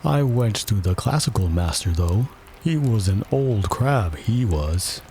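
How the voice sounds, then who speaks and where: A man voicing a bossy, scolding beast from a storybook, gruff in manner, with folksy, uneducated phrasing. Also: on the low side, animated, measured pace, a little mellow, a little hiss or hum. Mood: offhand. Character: brusque, scolding Gryphon, a rustic male beast. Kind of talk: storybook character voice.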